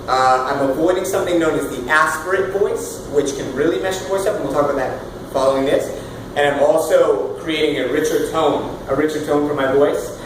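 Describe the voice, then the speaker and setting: A man in his thirties leading a casual singing workshop, loud and animated, swearing now and then and demonstrating sounds as he explains. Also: on the high side, brisk. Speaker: vocal coach. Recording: roomy, far from the mic, with room noise.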